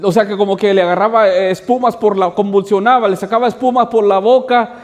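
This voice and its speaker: High-voiced preaching pastor, man. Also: steady tone, brisk. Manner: preaching with repeated "hermanos" asides and rhetorical questions. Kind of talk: sermon. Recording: long hall reverb.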